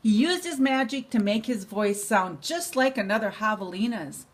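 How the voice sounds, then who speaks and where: Slow and full of expression, an older grandmotherly woman reads a child a storybook at bedtime. She speaks somewhat high.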